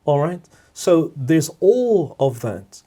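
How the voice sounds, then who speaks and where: Speaking on the high side with a sing-song lilt and a dark tone, a middle-aged man from Guyana guests on a podcast. His reflective talk is measured and repetitive, peppered with "all right?" check-ins.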